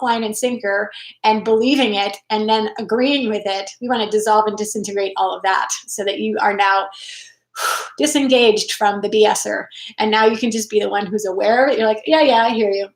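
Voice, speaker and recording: Chatty woman coach in an echoey room. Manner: chatty, animated, acts out inner voices in a higher tone. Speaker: self-help coach. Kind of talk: casual live video talk.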